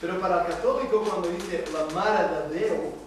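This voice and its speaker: A middle-aged church youth teacher from Spain, speaking with a Spain Spanish accent in a high voice at normal speed, gives an emphatic Bible study lecture full of rhetorical questions. A distant mic captures him in a very echoey church hall, with faint hiss underneath.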